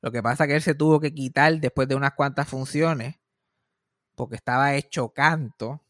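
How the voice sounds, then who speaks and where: A man with a Puerto Rican accent tells a long story on a podcast in loose, rambling chat, swearing freely and restarting his sentences. His voice sits at an ordinary middle pitch. The sound is dry and close, with no room echo. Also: fairly even intonation, normal speed, fairly bright tone. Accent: Puerto Rican Spanish. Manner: rambling and profane, with frequent restarts. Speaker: podcast host.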